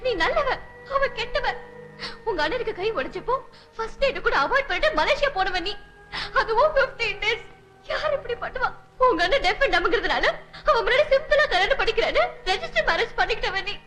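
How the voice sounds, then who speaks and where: An actress playing a young wife who laughs through tears and accuses sharply, in a film scene. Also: female voice, very high-pitched, animated, brisk, sharp tone, soft background music, heavily acted. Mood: bitter pleading. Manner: sobbing while laughing, accusing. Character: young wife, tearful and fierce.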